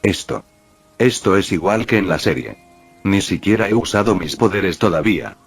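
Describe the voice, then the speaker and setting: A man's voice: low voice, lively intonation, normal speed, creaky, breathy edge, soft background music, heavily acted. A man voicing a shaken, secretive teenage boy in a read-aloud fan story, speaking tensely. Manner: tense, frustrated.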